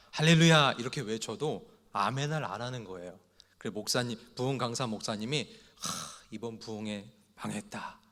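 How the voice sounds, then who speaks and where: A man preaches to his congregation at a mid-pitched, even register. He tells the sermon as a string of light, humorous anecdotes. His voice carries a long reverb from the church sanctuary. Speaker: pastor. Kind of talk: evening worship sermon.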